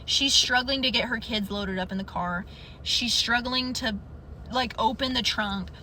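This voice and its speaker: A woman's voice: on the high side, unhurried, a little hiss or hum. A young woman casually telling a story from her customer service job, acting out the people in it. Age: young adult. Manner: animated retelling, acts out quotes. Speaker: storyteller in a clip.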